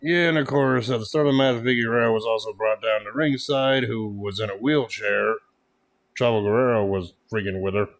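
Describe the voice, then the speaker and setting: A man's voice: on the low side, fairly quick. A man casually reviewing a wrestling event, rambling with lots of fillers and frequent laughs. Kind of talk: casual podcast chat.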